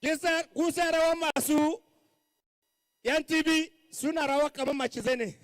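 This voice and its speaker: Man, Nigerian accent, very high voice, rally speech, stage MC, repeated call-outs, Pidgin phrases, dry sound. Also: fairly even intonation, normal speed, no echo. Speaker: rally master of ceremonies. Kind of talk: rally speech, hyping and addressing a crowd from the stage.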